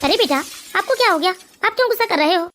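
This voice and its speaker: Super high voice doing a dutiful family man in a cartoon, earnest, lectures quick. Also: animated, a bit bright, a little hiss or hum. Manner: earnest, turns stern and lecturing. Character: dutiful grown son and father, firm and stern. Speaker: cartoon character.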